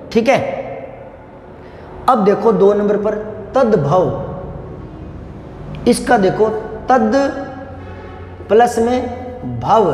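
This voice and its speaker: A man with a cough teaching Hindi grammar in a patient, slow lesson, repeating points and asking rhetorical questions. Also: sits high, darkish tone, slight background noise. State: unwell with a cough. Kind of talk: explanatory classroom lesson. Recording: echoey room with long reverb.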